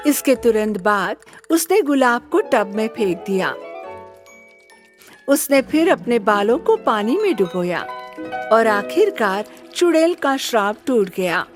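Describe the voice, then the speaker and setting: A woman narrating a children's fairy tale in a gentle storybook manner. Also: on the high side. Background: soft music.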